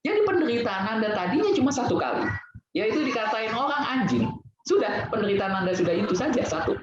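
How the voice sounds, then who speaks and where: Man, casual Buddhist Dhamma talk, lively intonation, conversational and jokey, booming echoey temple hall. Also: a little fast, a loud crowd. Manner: chatty, conversational, laughs at his own jokes. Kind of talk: casual Buddhist Sunday sermon. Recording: very echoey, dull lo-fi hall recording.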